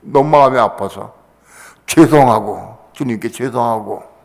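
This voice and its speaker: A man's voice: measured pace, vocal fry. An older man, a pastor, giving an emotional sermon testimony, his voice leaping up in passionate bursts. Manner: emotional, pitch rising sharply in passionate bursts. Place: church sanctuary. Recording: church hall with long reverb.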